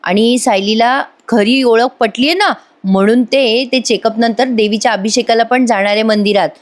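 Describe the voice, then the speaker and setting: A woman voicing a calm, fatherly older man heading a family. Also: on the high side, normal speed, lightly acted.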